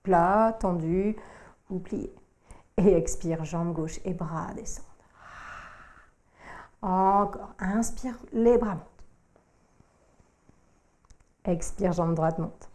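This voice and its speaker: Woman yoga instructor, gentle slow cueing, mellow warm voice. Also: on the low side. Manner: calm, slow cueing of breath and movement, addressing the listener informally. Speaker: yoga teacher. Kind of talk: guided yoga core workout instruction.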